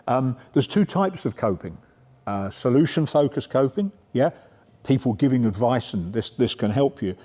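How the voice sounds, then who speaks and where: Middle-aged male lecturer, mellow voice, informal workshop delivery, reverberant hall. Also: medium pitch. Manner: conversational, checks in with "yeah?". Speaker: sport psychology speaker. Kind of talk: coaching workshop talk.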